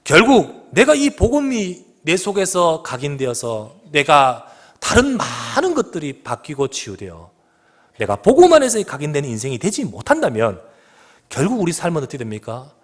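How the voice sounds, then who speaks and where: A male pastor delivers a sermon in his church, his pitch leaping and falling in a lively sweep. He tells a story, surging loud for emphasis, then sinking to a near hush. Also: normal speed. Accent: Korean. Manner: storytelling with sudden loud emphatic rises and hushed drops. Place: church sanctuary.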